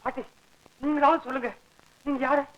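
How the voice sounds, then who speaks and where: An actor playing a loud, panicky father in a comic film scene, wailing and shouting in rambling outbursts. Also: very high voice, flat delivery, brisk, dull audio. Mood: frantic. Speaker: father who lost his money. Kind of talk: 1960s film comedy acting.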